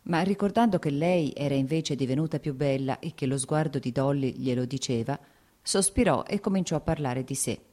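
Low-voiced woman reading a novel. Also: a little fast, mellow. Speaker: narrator. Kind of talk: scripted audiobook narration.

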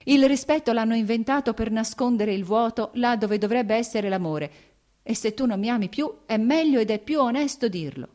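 A woman's voice: a little high, normal speed, a little mellow, voice pushed up, lightly acted. A woman reading the lines of a proud, jealous young noblewoman, impassioned and accusing. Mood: bitter.

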